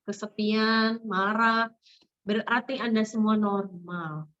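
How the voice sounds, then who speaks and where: Woman, Indonesian accent, informal religious talk, chatty, laughs often; muffled lo-fi audio. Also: a little high. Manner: chatty and warm, asks the audience, laughs often. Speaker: religious study speaker.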